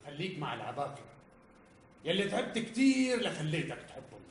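A man's voice: a little high, very animated, fairly quick, reverberant, a little hiss or hum. An actor with a Syrian Arabic accent playing an exasperated older father who scolds his son in a theatrical, declaiming stage voice. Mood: bitter. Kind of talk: stage play acting.

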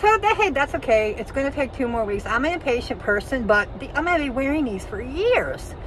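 A woman's voice: high-pitched, very animated, a little fast, slight background noise, poor audio. A woman in her fifties talking through a face mask, chatting frankly and rambling in a casual vlog, filmed outdoors on a phone held at arm's length. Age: 50s. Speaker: vlogger.

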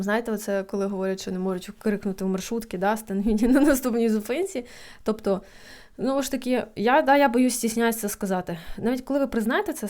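A young woman giving casual psychology advice, chatty, with lots of fillers and quick laughs. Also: a little high, darkish tone. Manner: quick, chatty, many fillers and laughs, acts out inner thoughts. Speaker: psychologist in training. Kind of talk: casual advice talk to camera.

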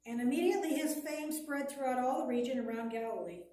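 Distant woman reading scripture. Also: high-pitched. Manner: steady, measured reading. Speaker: scripture reader. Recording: echoey room, heard from a distance.

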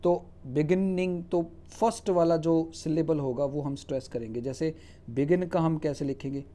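A Hindi-speaking male teacher with a mellow, somewhat high voice lectures in Hindi on English spelling rules. He spells words letter by letter, checks understanding with "ठीक है?", and reads each English rule slowly before explaining it in Hindi.

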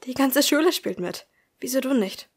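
A woman reading an audiobook, voicing an excited, breathless teenage girl who is bossy and cheerful. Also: on the high side, moderate pace. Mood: eager. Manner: loud and eager.

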